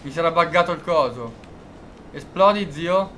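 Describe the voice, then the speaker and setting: A young man hosting a casual online game session with friends, excitable, swearing and laughing as he plays. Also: fairly high pitch, normal speed, noisy background. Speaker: gaming channel host. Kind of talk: casual gaming chat with friends. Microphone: headset mic.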